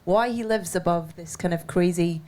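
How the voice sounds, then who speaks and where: Brisk woman moderating a press conference. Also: fairly low pitch, darkish tone, slight background noise. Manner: brisk, polite, directs the room.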